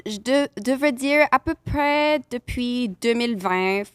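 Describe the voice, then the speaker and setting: Actress as a spoiled LA influencer DJ, American accent, broken French full of "like" and "um", dry close sound. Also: female voice, on the high side, smooth, dry recording, lightly acted. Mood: breezy. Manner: mixes English into halting French, valley-girl fillers. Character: rich young Los Angeles influencer DJ woman, airy. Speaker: guest. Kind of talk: improvised comedy interview.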